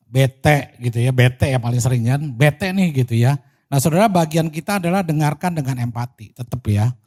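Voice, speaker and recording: A man's voice: medium pitch, mellow. Male preacher with an Indonesian accent, mid-range voice, talks to the congregation in a plain, chatty way. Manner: conversational, addresses the congregation directly. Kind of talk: sermon. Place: church.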